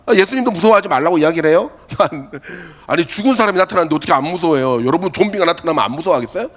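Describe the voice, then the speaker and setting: A male pastor delivers a youth sermon in a lively, storytelling way, often slipping into the voices of the people he quotes. His pitch sits a little high for a man. It swings widely from phrase to phrase. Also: rapid-fire. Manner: animated storytelling, acts out quotes. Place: church worship hall.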